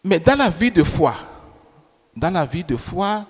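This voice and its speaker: A man whose native tongue isn't French delivers a sermon in that language, slow and deliberate yet very animated, his darkish voice a bit higher than most men's. He repeats key phrases and questions the congregation, while the church gives his words a long, ringing reverb.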